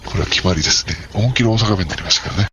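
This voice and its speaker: A man's voice: sits low, racing. A man who works for the post office, answering interview questions in a chatty, joking way while giving practical advice. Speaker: post office worker as guest. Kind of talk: casual explanatory interview talk. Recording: dull lo-fi with faint noise.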